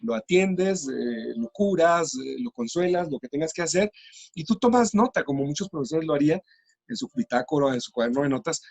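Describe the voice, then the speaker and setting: A man's voice: fairly high pitch, animated, a little fast, gravelly, a little mellow, no echo. A middle-aged man, a teacher trainer explaining classroom practice patiently in an interview.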